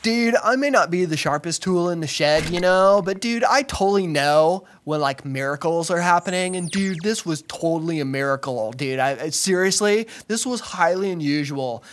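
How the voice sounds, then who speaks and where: A man's voice: fairly high pitch, animated, moderate pace, few pauses, natural voice. A man playing a dim, laid-back young surfer dude who rambles slangily, saying dude and bro constantly. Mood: rambling. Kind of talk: comic monologue.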